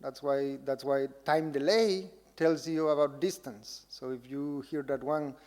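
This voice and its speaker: A man with a fairly high, steady voice gives an informal public lecture in a hall at an unhurried pace, speaking directly to the audience and inviting them to join in. The recording is reverberant, with loud background noise.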